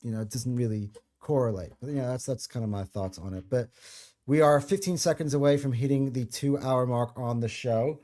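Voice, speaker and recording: A man's voice: medium pitch, brisk, dark tone. A man hosting a football podcast, talking with passion and rambling through restarts. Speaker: podcast host. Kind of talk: casual football podcast chat.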